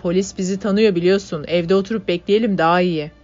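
A soft-spoken young workman, as a woman reads him in a storybook reading. Her voice sits low, and the recording is dull, with faint music behind. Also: fast talker, lightly acted. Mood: gentle. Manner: sweet, soft-spoken telling. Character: young male worker, gentle storyteller.

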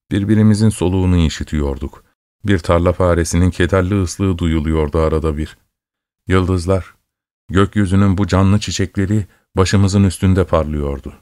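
A man narrating a story in a steady, measured storytelling voice. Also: low-pitched, no room sound, clean studio sound. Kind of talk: scripted narration.

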